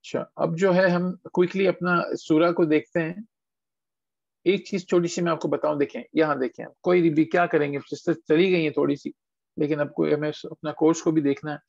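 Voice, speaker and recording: High gravelly-voiced male tajweed teacher, patient, dull lo-fi call sound. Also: fairly even intonation, no room sound. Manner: patient, asks students questions, drawn-out model words. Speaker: Quran recitation teacher. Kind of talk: online tajweed class. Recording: dull lo-fi online call audio.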